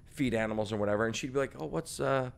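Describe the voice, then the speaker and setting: A male comedian telling stories in a casual podcast chat, profane and rambling with many fillers, slipping into animated impressions. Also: mid-range voice, fast, gravelly, smooth. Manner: slips into animated impressions and laughs mid-story. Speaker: comedian guest.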